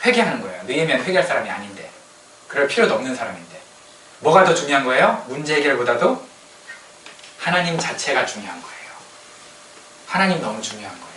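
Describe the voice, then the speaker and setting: A man preaches a lively sermon, his bright, forceful voice coming through from some distance. The hall around him rings with echo, and a faint room noise sits underneath. He keeps putting questions to the congregation as he goes. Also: mid-range voice. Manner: animated, asks the congregation questions and acts out quoted complaints. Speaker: pastor.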